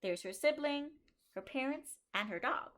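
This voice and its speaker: The voice sits high and is expressive and a bit bright. It belongs to a kindergarten teacher reading a picture book to young children, who breaks off to think aloud about what the author and illustrator show and slows down to stress the key lines of the story.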